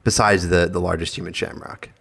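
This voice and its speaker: Low-voiced, wry podcast co-host. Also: male voice, little pitch movement, creaky, a bit bright, husky. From Long Island, New York. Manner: wry, asks quick teasing questions. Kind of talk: casual chat.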